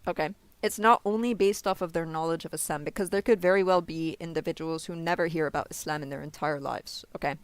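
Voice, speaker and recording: A man's voice: fairly high pitch, fairly even intonation, fast talker, few pauses, clean tone, no room sound. A man in a street debate about faith, patiently explaining and often checking "you understand?". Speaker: religious debater.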